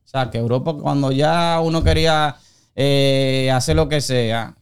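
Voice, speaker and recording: A man chatting casually on a podcast, telling stories from his experience with a relaxed, laughing manner. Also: medium pitch, measured pace, over a noisy crowd. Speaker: guest.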